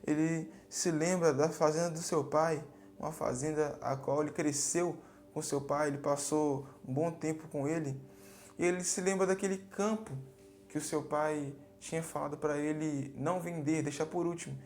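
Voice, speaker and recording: A man's voice: a little high, fairly even intonation, normal speed, darkish tone. A man narrating a parable dramatically and closing it with a religious reflection, with emphatic repetition. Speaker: preacher telling a parable.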